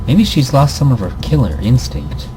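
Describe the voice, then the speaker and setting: At normal speed, a let's player with a sing-song, mid-range male voice reads a visual novel aloud. His casual commentary wanders, he interrupts himself, and he adds playful asides, with background noise audible behind him.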